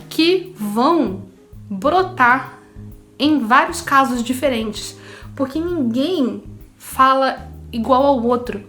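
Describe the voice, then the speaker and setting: A woman's voice: sits high, fairly bright tone. A woman from Rio de Janeiro with a Carioca accent, a language teacher giving a chatty online lesson straight to her viewers. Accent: Carioca Brazilian Portuguese. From Rio de Janeiro, Brazil. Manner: chatty, addresses viewers directly.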